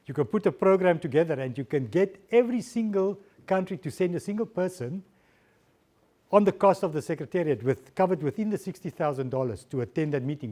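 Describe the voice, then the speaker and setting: Halting, mellow diplomat. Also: male voice, on the high side. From South Africa. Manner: halting, repeats words while searching for phrasing. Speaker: diplomat giving a guest lecture. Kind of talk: lecture answering audience questions.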